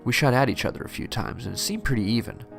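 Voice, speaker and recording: A man narrating a parody horror story in a deadpan first-person telling. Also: mid-range voice, fast talker, creaky, over music.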